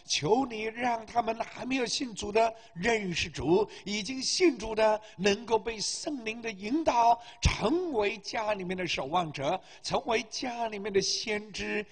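A man's voice: high voice, measured pace, hardly any pauses, breathy edge. A man preaching and leading prayer before a congregation, with fervent, rising exhortations. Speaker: pastor. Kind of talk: sermon and prayer. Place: church hall. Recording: long hall reverb.

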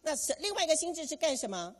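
A woman's voice: high-pitched, very animated, fast, long reverb tail. A woman preaching a sermon, asking the congregation questions and having them repeat phrases back.

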